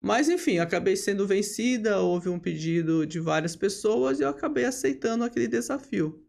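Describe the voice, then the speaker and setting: A woman, a lawyer telling her career story as a podcast guest, steady and full of tag questions and hesitation fillers. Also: medium pitch, normal speed, creaky. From Brazil. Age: 50s. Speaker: lawyer and bar association leader, podcast guest. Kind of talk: relaxed interview storytelling.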